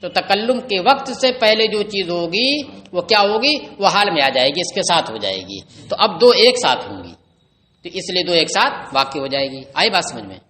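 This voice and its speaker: Lively high-voiced male teacher in a hall. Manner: explains step by step, asks the class check questions. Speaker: teacher of Islamic jurisprudence. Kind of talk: classroom lecture explaining a legal text.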